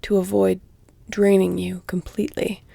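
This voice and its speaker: A woman voices an elegant, flirtatious vampire lady in a scripted, intimate audio roleplay, recorded on a close, very dry mic with no echo. Her dark, mellow, medium-pitched voice is breathy, hushed and gravelly-creaky, often sinking to near a whisper, with a level tone. Seductive yet hesitant, she speaks slowly, deliberately and formally, teasing throughout.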